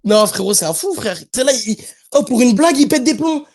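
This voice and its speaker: A man's voice: very high voice, a little fast. A man in his twenties on a voice call, trading insults and jokes in a heated argument. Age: 20s. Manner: insulting, joking, lively. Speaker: caller. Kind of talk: voice chat argument.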